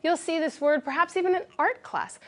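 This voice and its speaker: A woman teacher leading a classroom vocabulary lesson, speaking clearly and directively and praising her students often. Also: very high-pitched, brisk, fairly bright tone.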